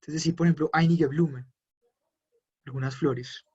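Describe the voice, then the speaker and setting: A man with a fairly high, husky voice teaches a live online language lesson. He explains each point patiently and takes viewers' questions as they come in. The sound is dull and lo-fi, as from a computer mic. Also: fairly even intonation, moderate pace, mellow. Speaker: German teacher.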